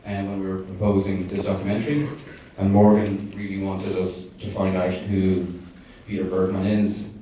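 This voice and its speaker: This Irish documentary filmmaker fields questions from a festival audience at a moderate pace, his low voice dark-toned and flat. He stumbles through fillers and restarts, recorded from afar in an echoing screening hall with faint noise.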